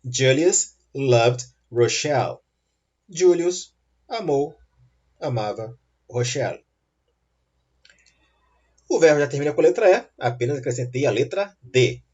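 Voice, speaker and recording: A slightly high, animated man with a somewhat mellow, breathy voice teaches an English grammar lesson. His explanations are slow and patient, with rising checks like "tá bom?", and the sound is dull and lo-fi.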